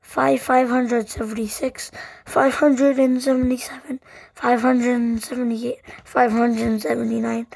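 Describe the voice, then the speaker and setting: A woman's voice: a little high, little pitch movement, a little slow, gravelly, darkish tone, rough recording. A woman hosting a casual vlog, counting numbers aloud one by one at a desk microphone with chatty asides. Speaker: channel host.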